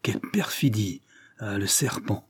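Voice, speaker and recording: A man's voice: on the low side, moderate pace, mellow, breathy edge, no echo. A man reading an earnest, shocked manservant. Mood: indignant. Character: loyal, indignant manservant, man.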